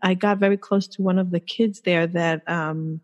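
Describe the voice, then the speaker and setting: A woman's voice: lowish voice, steady tone, normal speed, muffled recording. Chatty woman guest from Israel. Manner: eager, chatty storytelling with frequent fillers. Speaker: podcast guest. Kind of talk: casual interview chat.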